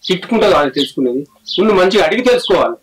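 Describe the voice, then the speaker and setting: An older man playing a gentle village father who calms his family. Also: high-pitched, very fast, slight background noise, rough recording. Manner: calming, placating. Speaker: father-in-law. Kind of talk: village short film acting.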